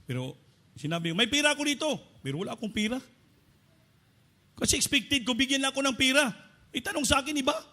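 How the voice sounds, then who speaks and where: Filipino guy preaching, high bright voice, acts out the quotes. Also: fairly quick, pauses often. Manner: animated storytelling with acted quotes. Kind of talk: sermon testimony.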